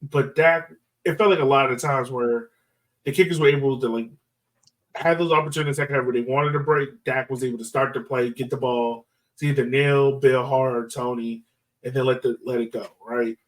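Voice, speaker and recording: The voice is a man's, medium in pitch and steady in tone, at a normal speed, recorded from a distance on a rough recording. Hosting a soccer podcast, he talks through his analysis conversationally, dropping plenty of "like" and "you know" along the way.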